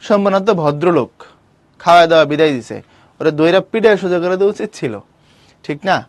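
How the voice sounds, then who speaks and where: Guy teaching a class, kinda high voice, teasing and bossy with the students. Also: quick pace, no echo. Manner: lively, teasing, scolds students directly. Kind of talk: online class lecture on a literature text.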